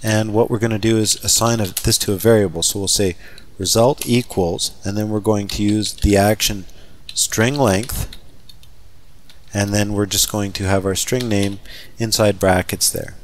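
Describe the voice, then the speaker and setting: A man with a somewhat low voice leads a recorded software tutorial. He talks in a relaxed, conversational way, pausing with fillers as he types and explains each step at his computer. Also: slight background noise. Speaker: software trainer. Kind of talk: screen-recorded coding tutorial.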